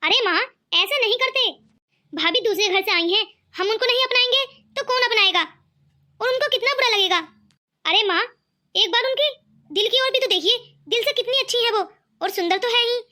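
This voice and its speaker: A woman's voice: very high voice, normal speed, bright, forceful tone. Woman voicing a kind teasing young man. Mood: pleading. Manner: pleading, lightly teasing. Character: kind cheerful young man defending his sister-in-law.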